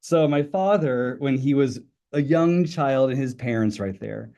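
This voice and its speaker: Warm and unhurried, with some vocal fry in a mid-range voice, this middle-aged Italian man guest-speaks on an online webinar. A linguistics professor whose first language is Italian, he tells personal stories in a friendly, informal way.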